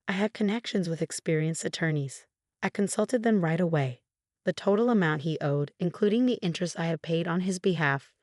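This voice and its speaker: A woman narrating a first-person story in a calm, even, scripted way. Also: lowish voice, dry recording, clean studio sound.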